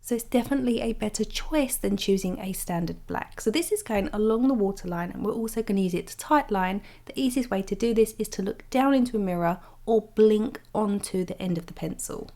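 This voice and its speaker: Female makeup tutorial host, mid-pitched, slightly croaky and under the weather, instructing step by step. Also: fairly quick, hardly any pauses, warm tone.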